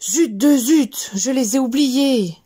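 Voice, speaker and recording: A kind young schoolboy in a storybook, voiced by a woman reading aloud, friendly and a little mumbling. His voice sits fairly high and moves slowly. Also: mellow, breathy edge, full character voice.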